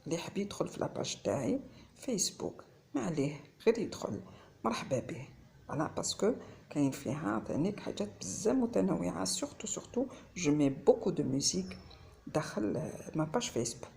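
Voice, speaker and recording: A woman's voice: fairly low pitch, big pitch swings, fast talker, gravelly, warm tone, slight background noise. A woman with an Algerian accent mixing Arabic and French, chatting casually through a home cooking vlog. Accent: Algerian Arabic mixed with French.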